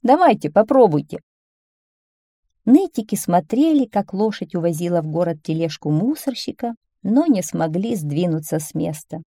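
A woman reading a children's story aloud in an expressive, animated way. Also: on the low side, moderate pace, few pauses, no room sound, clean studio sound.

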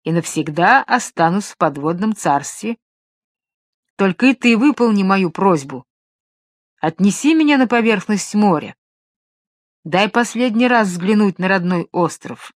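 A woman's voice: mid-range voice, expressive, measured pace, no echo, clean studio sound. A woman voicing a loyal young prince who pleads and defies in a storybook tale. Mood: resolute. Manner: pleading, defiant. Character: young loyal male prince, steadfast and defiant.

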